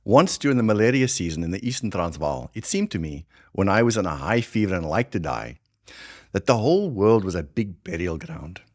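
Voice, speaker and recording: Man voicing an older Afrikaner yarn-spinner, heavy Afrikaans South African accent, very low and deliberate. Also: very animated. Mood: solemn, wry. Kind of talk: dramatic reading of a short story.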